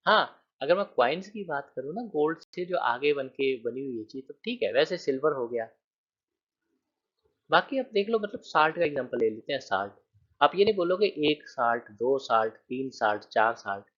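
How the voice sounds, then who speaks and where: A man's voice: medium pitch, lively intonation, normal speed, a bit bright, slightly rough, dull audio. A man teaching a grammar lecture, explaining with counted examples and often checking that students follow.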